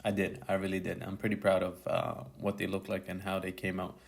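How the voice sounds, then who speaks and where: A man's voice: low-pitched, completely flat delivery, fairly quick, gravelly. A male photographer narrating his tutorial video as a voice-over, in a casual, slangy way that sounds like thinking aloud. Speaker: photographer and YouTuber.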